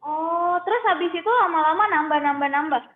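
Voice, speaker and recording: A woman interviewing a guest casually over a call, with quick, easy back-channel replies. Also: extremely high pitch, reverberant. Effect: heard over a phone line. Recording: narrow tinny phone-like sound.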